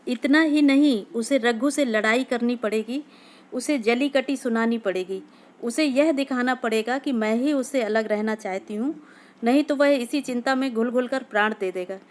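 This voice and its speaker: Woman storyteller, steady measured narration, somewhat high voice, classic short story reading.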